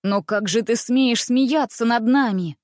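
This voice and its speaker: A woman's voice: on the high side, unhurried, no echo, clean studio sound, close to an everyday voice. A woman voicing a bossy young man who plots and gives orders to his brothers. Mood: bossy scheming. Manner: commanding, plotting.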